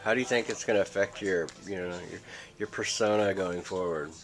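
A man with a very deep voice asks teasing questions as he films the interns at a radio station. He keeps his tone playful and needling. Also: a little fast, fairly bright tone, soft background music. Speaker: station staffer filming the interns.

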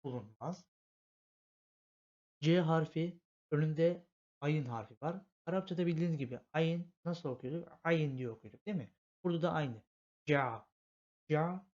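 A man's voice: fairly high pitch, a little mellow. A man teaching a language lesson, spelling out letters patiently step by step and repeating himself often. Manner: patient, repetitive, step-by-step explanation. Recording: dull lo-fi home recording.

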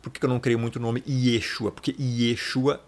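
A man's voice: medium pitch, level tone, normal speed. A man giving a casual Bible study lesson, explaining words step by step and calling the viewer brother. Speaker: Bible teacher.

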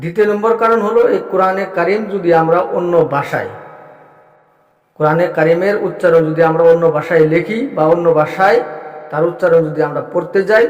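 Male mufti, slightly raised pitch, emphatic repetitive sermon cadence, long hall reverb. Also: dull audio. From Bangladesh. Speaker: mufti answering a religious question. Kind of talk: religious Q&A sermon.

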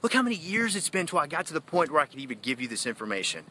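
A man's voice: on the high side, sing-song, rapid-fire, pushed and bright, a little hiss or hum. A man ranting in an emotional phone livestream, heated and accusatory, rambling with many asides. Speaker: citizen activist livestreaming.

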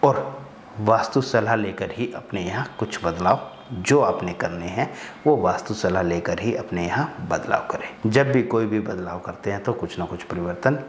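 A man in his thirties speaks straight to camera in a small studio, giving advice in an earnest, step-by-step way. His voice sits fairly low. A lapel mic picks him up in a room with a noticeable echo. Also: normal speed, slight background noise. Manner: earnest, repetitive, advising listeners step by step. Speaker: vastu consultant. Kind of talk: direct-to-camera advice talk. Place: small indoor studio with plain backdrop. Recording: roomy echo.

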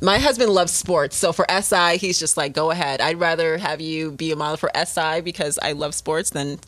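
A woman's voice: low voice, fairly quick, a bit bright. A young woman from Connecticut, a guest on a radio show, chatting in a friendly, upbeat way. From Connecticut, USA. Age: young adult. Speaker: guest model. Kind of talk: casual radio interview. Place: radio studio. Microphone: studio microphone with headphones.

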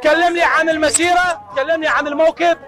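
A man with an Iraqi accent reporting live and asking brisk questions outdoors at a crowded procession. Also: very high-pitched, level tone. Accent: Iraqi Arabic. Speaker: field reporter. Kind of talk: live broadcast interview. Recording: crowd noise behind.

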